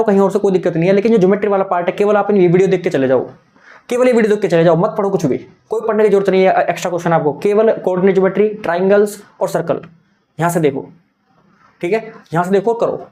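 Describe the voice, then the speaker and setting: A man's voice: sits high, fast talker, dark tone. A young adult man teaching a maths exam-prep lesson, talking in a coaxing, repetitive way and mixing in English terms.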